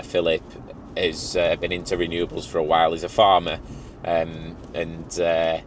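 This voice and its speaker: A man's voice: low-pitched, a little hiss or hum, rough recording. A man with a Lancashire accent chatting casually and colloquially as the host of a trade vlog. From Lancashire, England. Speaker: channel host and heat pump installer.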